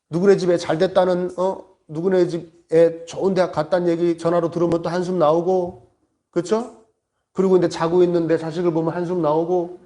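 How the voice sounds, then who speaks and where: A man preaching a sermon as pastor, telling stories and acting out the voices of the people in them. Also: sits high. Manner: animated storytelling, acts out voices. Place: church sanctuary.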